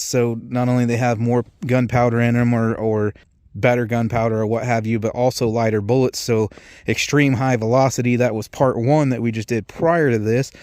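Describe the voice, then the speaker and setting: The host of an ammunition test channel gives casual product-test commentary, explaining products in a loose, rambling, informal way. His voice is mid-range and a little mellow, and the studio-quality recording has no echo.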